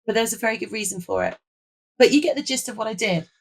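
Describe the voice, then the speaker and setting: A British woman hosting a casual, chatty craft vlog with a hoarse, croaky frog voice, as if she has nearly lost it. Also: fairly high pitch, lively intonation, quick pace. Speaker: host of a craft video.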